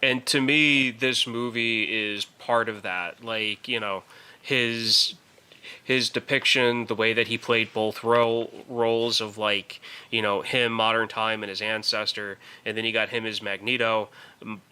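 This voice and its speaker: On a podcast, a male co-host casually discusses films, emphatic and opinionated, often repeating words as he works toward his point. His voice is lowish, level, sharp and smooth at a measured pace.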